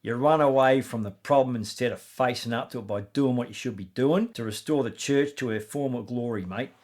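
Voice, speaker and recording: A man's voice: mid-range voice, a little fast, darkish tone, voice pushed down, close to an everyday voice. A man voicing a blustery male debater in an exaggerated broad Australian accent. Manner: blustery, slangy.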